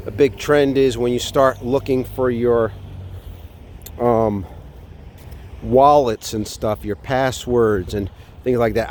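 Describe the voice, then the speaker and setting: An American man talking casually to viewers in a halting, thinking-aloud way as he walks. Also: mid-range voice, a little mellow. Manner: unhurried, halting, thinking aloud while walking. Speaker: vlogger. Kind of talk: casual walk-and-talk vlog to viewers. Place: outdoors, walking along New York City streets. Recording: outdoor city street noise, faint traffic. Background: faint outdoor ambience and vehicles.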